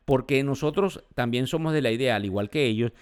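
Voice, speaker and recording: A man's voice: mid-range voice, a little fast, smooth. A man from Venezuela hosting a financial market show, explaining the news to his listeners and defining the terms as he goes.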